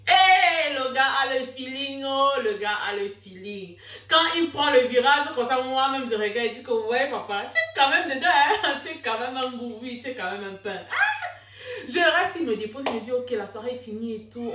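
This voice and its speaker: A young woman telling her own story in casual talk, dramatic and animated, with sudden exclamations. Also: on the high side, recorded from a distance. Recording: echoey room, a bit off mic.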